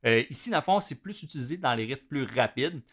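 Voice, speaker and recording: A man's voice: medium pitch, animated, a little fast, fairly bright tone, husky. A man with a Québécois French accent, a drum teacher explaining rhythms step by step and counting the beats aloud. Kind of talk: instructional video explanation.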